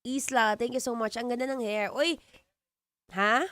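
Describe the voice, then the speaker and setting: A woman in her twenties with a Filipino accent and a deep voice, hosting a live radio show and chatting playfully with listeners. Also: fairly even intonation, measured pace, fairly bright tone. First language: Tagalog. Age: 20s. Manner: playful, teasing, laughs often. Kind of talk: live radio chat reading comments. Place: radio studio.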